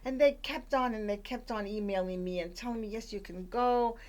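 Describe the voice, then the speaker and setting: A woman's voice: mid-range voice, brisk, darkish tone. Chatty older woman telling her story. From Puerto Rico, raised in the Bronx. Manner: chatty, with many fillers and restarts. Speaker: guest. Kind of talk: conversational storytelling.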